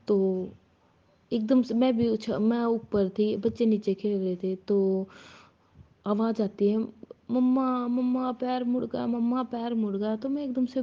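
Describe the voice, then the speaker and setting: In a dull, lo-fi recording, a woman who seems to be in her thirties tells the congregation, whom she calls sangat ji, a personal devotional testimony. Her medium-pitched, mellow voice is hesitant, with many restarts.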